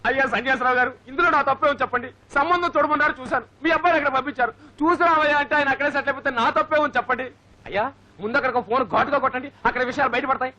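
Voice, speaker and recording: An actor playing a smooth-talking marriage broker in a comic film, with wheedling patter. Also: male voice, very high-pitched, racing, bright, forceful tone, exaggerated voice. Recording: slightly muffled film audio.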